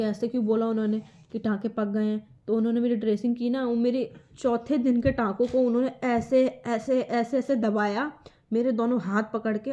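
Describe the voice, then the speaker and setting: A young woman telling a personal story in a vlog, emotional and halting, often restarting her words. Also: on the high side, mellow, highs cut off. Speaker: vlogger.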